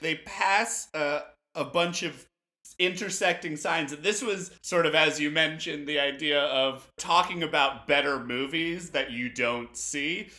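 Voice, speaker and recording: A man's voice: a little high, unhurried, sharp tone. A man co-hosting a movie podcast, recapping scenes with dry, wry humor. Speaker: podcast co-host. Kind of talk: casual movie review chat.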